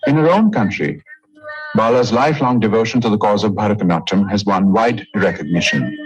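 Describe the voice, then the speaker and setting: A man reading scripted documentary narration in a measured, even tone. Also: lowish voice, dull audio, loud music behind the voice.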